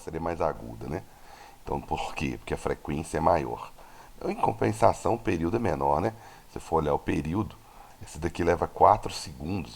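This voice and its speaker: A man's voice: extremely low pitch, vocal fry, darkish tone. A Brazilian man teaching a recorded physics lesson. He explains step by step and keeps checking in with his students through short tag questions. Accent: Brazilian Portuguese.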